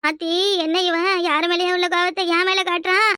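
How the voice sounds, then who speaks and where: A woman's voice: very high-pitched, flat delivery, a little fast, bright, forceful tone, dry recording, clean studio sound. A woman doing a wailing cartoon village mother. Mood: wounded. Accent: Kanyakumari Tamil. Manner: lamenting, melodramatic, dramatic sobbing. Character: wailing middle-aged village mother, dramatic. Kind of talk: cartoon voice acting.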